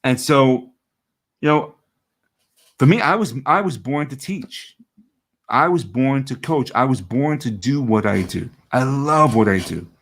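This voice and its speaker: A middle-aged coach with a low voice gives an earnest motivational talk over a video call, frequently restarting and repeating words. He sounds animated and fairly bright, keeping a measured pace.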